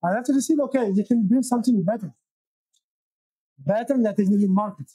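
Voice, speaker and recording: Husky high-voiced man from Belgium. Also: warm tone, no echo, rough recording. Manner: halting, many restarts and fillers. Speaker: guest, software engineer and founder. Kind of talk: casual interview. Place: small wood-paneled room, indoors. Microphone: lapel.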